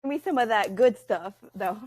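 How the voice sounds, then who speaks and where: A woman's voice: mid-range voice, lively intonation, moderate pace, darkish tone. A woman hosting a casual group conversation, giving brief, encouraging prompts to the others. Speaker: host leading the session.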